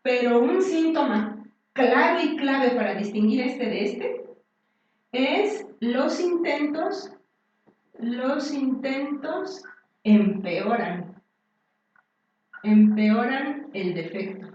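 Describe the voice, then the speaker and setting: A woman giving a university lecture, speaking slowly and deliberately with many fillers and restarts. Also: high-pitched, expressive, darkish tone, slight background noise. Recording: very echoey room, distant and dull.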